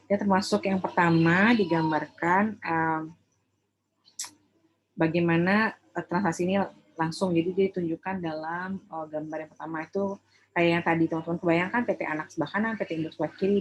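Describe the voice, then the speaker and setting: Informally lecturing on accounting, a woman with an Indonesian accent talks at a normal speed in a steady voice on the low side. Her explanations are conversational, peppered with tag questions to check that people understand. The audio sounds dull and has a little hiss or hum.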